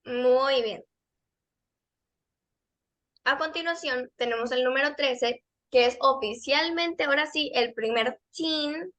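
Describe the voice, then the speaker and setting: High, bright-voiced woman teaching pronunciation. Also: slow pace, pauses often. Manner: patient, explains step by step and repeats model words. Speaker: English teacher. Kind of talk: pronunciation lesson for kids and teens.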